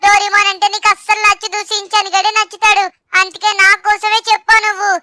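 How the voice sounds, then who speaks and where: A woman's voice: extremely high pitch, completely flat delivery, fast talker, bright, forceful tone. A woman voicing Doraemon, the childlike robot cat, whining and complaining in a fan dub. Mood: accusing.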